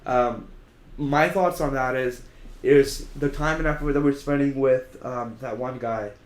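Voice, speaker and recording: A man's voice: medium pitch, unhurried. A man co-hosting a podcast, chatting casually in a rambling way with lots of fillers and restarts. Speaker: podcast co-host. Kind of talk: casual chat. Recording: echoey room.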